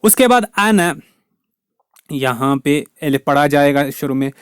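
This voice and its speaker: A man's voice: a little high, lively intonation, a little slow, clean tone, no room sound, clean studio sound. A man teaching a recorded language lesson, carefully explaining each word and repeating it with its meaning. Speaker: Arabic teacher.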